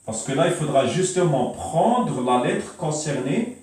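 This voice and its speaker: A man with a slightly high, darkish voice teaches a beginners' Arabic lesson at a whiteboard, speaking at a measured pace with lively intonation. He explains patiently, repeats himself, and hesitates a lot, while the very echoey room and distant mic color the sound.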